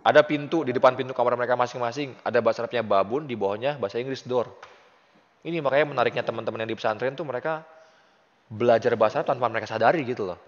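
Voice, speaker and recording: A man's voice: medium pitch, rapid-fire. Indonesian male Arabic tutor, patient and encouraging, muffled reverberant audio. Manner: patient, encouraging, praises often. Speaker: Arabic teacher. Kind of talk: casual online tutoring lesson.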